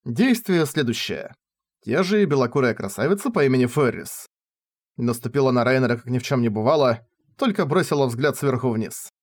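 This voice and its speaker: A man narrating an audiobook with expressive, dramatic storytelling. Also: medium pitch, a little fast. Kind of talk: audiobook narration of a light novel.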